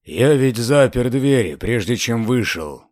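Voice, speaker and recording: Fearful, secretive old man, voiced by a male reader; slow, quavering, pleading delivery. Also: mid-range voice, expressive, darkish tone, no echo, studio quality, close to an everyday voice. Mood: anxious. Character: frightened old secretive gentleman.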